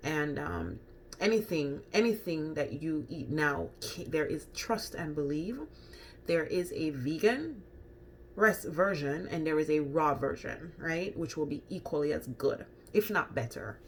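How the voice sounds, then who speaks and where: A woman with a Jamaican accent addresses the camera like a friendly food vlogger, speaking casually in a rather low voice with lively intonation. She rambles along at an unhurried pace, with frequent ums and self-corrections. Faint noise sits beneath her voice.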